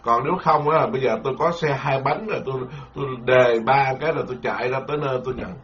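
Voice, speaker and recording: A Buddhist monk giving a dharma talk, animated, repeating words and laughing ruefully. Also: male voice, medium pitch, quick pace. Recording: lo-fi muffled recording.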